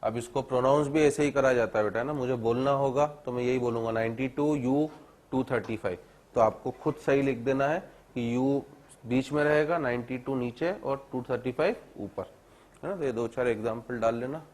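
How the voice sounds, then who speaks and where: A man teaching chemistry to a class, dictating notes slowly and checking in with students. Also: medium pitch, darkish tone. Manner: repeats phrases slowly for dictation, keeps asking "theek hai na"; calls students "beta", explains step by step.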